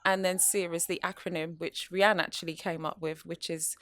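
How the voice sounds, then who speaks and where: A woman's voice: fairly low pitch, flat delivery, normal speed, fairly bright tone. A woman, a guest in a casual interview, explaining at length with many ums. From North London, UK. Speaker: guest, skincare business founder.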